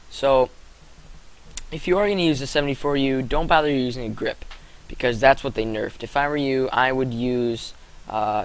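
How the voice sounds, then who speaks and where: A man's voice: mid-range voice, fairly bright tone, low-quality recording. A young man giving casual gameplay commentary, rambling with fillers and correcting himself as he goes. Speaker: gaming commentator.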